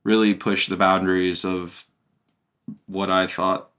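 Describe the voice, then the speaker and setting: A man, a music producer, explaining his work haltingly in a casual studio interview. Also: low-pitched, little pitch movement, fairly bright tone.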